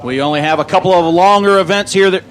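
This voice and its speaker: A man with a high-pitched voice serves as co-commentator at a race. He offers unscripted analysis in live coverage, with vehicles heard behind him. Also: quick pace.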